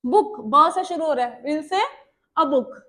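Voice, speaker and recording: A woman's voice: high-pitched, slow, bright, forceful tone. A woman with an Indian accent, a Hindi speaker, teaching a grammar lesson and explaining step by step while often checking that the class understands.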